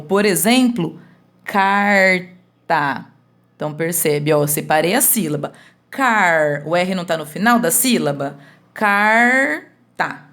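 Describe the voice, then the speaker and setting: A woman teacher giving a remote school lesson, explaining slowly step by step and often checking that her students follow. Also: lowish voice. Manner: slow, explains step by step with frequent checks for understanding.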